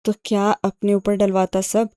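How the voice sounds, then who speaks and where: A woman's voice: medium pitch, completely flat delivery, mellow, clear, resonant tone, no room sound, natural voice. A woman reading an audiobook and voicing a sardonic young man who explains his schemes with dry sarcasm. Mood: wry. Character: sharp, sardonic young man, ex-agent uncle.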